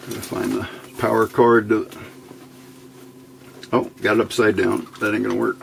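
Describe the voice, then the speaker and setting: Indoors at a workbench, a male electronics hobbyist gives a casual hands-on demonstration, thinking aloud in short, informal phrases. His voice is lowish and level, with a moderate pace and some vocal fry. The home-video recording is noisy.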